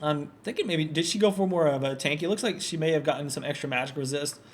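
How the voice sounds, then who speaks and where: Male solo game caster, slightly high voice, relaxed analytical play-by-play, lots of fillers, faint noise on the recording. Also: fast talker. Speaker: esports commentator.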